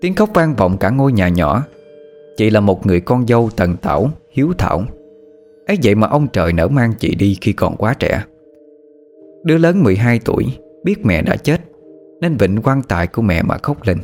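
A man reading a sad story aloud in slow, mournful scripted narration. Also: fairly low pitch, big pitch swings, darkish tone. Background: faint music.

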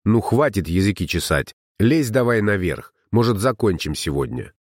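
A man voicing a gruff young wandering herbalist who talks bluntly and grumbles, in an audiobook. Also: fairly low pitch, sing-song, normal speed, dry recording, studio quality. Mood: musing.

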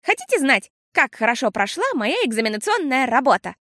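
Woman doing a young schoolgirl, squeaky and high, exclaiming breathlessly, storybook reading. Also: sing-song, normal speed, no room sound, studio quality. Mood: excited. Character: excitable young schoolgirl, emotional and proud. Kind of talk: audiobook character voice.

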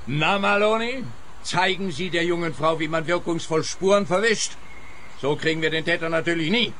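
An actor playing a petty, exasperated police detective in a radio crime comedy, with a sarcastic, blustering manner. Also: male voice, on the high side, moderate pace, fairly bright tone, slight background noise, natural voice. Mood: sarcastic, officious.

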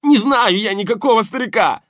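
A man reading an audiobook and voicing a young male street thug who yells shrilly in pain and panic. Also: expressive, very slow, vocal fry, no room sound, studio quality, full character voice. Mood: yelling in pain. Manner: shrill, yelling desperately. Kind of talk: audiobook character voice.

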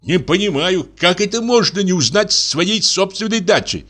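A man's voice: sits high, lively intonation, normal speed, bright, forceful tone, pitched above the performer's own voice, full character voice. A man reading an audiobook, voicing a tired middle-aged guest who grumbles in exasperation. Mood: exasperated.

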